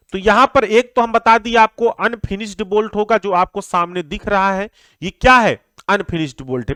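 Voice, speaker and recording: Young male lecturer, high clear voice, dry close sound, drills terms by repetition. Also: fairly bright tone, no room sound. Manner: repeats key terms, asks and answers his own questions. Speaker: civil engineering teacher. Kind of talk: classroom lecture.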